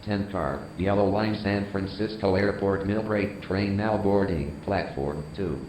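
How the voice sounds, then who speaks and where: A low male voice delivers a recorded train station announcement through the platform loudspeakers. Each phrase is clipped and measured. It rings with echo across the station, over faint platform noise. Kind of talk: automated public-address announcement.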